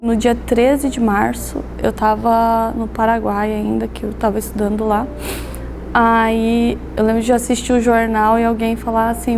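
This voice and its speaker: Even-toned Brazilian woman in her thirties. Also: a little high, creaky, background noise. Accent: Brazilian Portuguese. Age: 30s. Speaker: health worker. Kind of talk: documentary interview.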